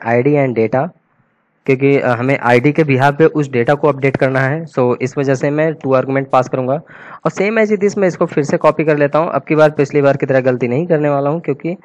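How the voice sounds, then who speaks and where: A man of middle pitch walks through a coding tutorial at his desk microphone. He thinks aloud as he types and clicks, loose and conversational, and drops English terms into his speech. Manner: casual, thinks aloud while typing, mixes English terms into Hindi. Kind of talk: screen-recorded coding tutorial.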